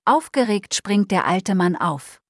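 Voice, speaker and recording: A woman narrating a Christmas storybook in a calm, measured way. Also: mid-range voice, husky, no room sound, clean studio sound.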